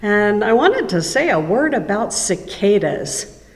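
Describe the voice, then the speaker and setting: A woman's voice: medium pitch, very animated, unhurried. Woman speaking in an echoey church sanctuary. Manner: chatty and conversational, with frequent ums. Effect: cathedral-like echo. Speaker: church speaker giving a devotional. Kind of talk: informal devotional message.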